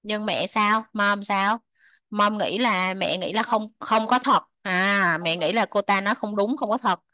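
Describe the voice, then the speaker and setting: A woman explains a textbook lesson to children, teaching them English by saying words slowly, translating them and chatting in between with gentle sentence endings. Her voice is medium-pitched and the recording has no echo.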